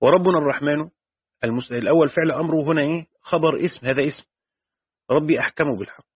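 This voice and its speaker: A man's voice: on the high side, quick pace, husky, no echo. A man with an Egyptian accent teaching a Quran commentary class, reading the text and then explaining it in colloquial speech with frequent restarts. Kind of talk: reading and explaining a tafsir lesson. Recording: dry, tinny phone-like lo-fi audio.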